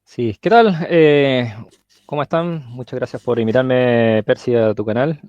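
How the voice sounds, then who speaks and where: Chilean male guest, halting delivery, muffled lo-fi sound. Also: medium pitch, darkish tone, no echo. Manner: hesitant, searching for words, many fillers. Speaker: guest speaker. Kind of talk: live-stream religious discussion.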